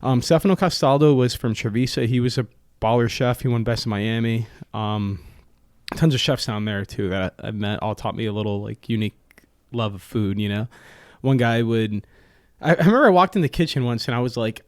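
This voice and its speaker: A young man whose first language is Italian, a restaurant owner, chats casually as a guest in a podcast studio, full of fillers and jokes. His medium-pitched voice is a little fast, recorded at studio quality with no room sound.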